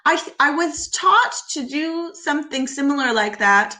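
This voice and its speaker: Female English tutor from Canada, high bright voice, unhurried, friendly questioner. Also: animated. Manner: friendly, laughs easily, asks follow-up questions. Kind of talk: online tutoring conversation.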